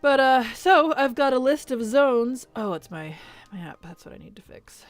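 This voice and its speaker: A woman's voice: sits high, big pitch swings, normal speed, no echo. Woman streamer, casual live chat, faint background music. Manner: chatty, laughs often, mutters to herself while fixing settings.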